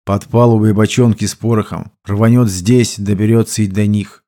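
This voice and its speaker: A man playing a calm, seasoned gunner. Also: lowish voice, moderate pace, close to an everyday voice. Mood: calm farewell.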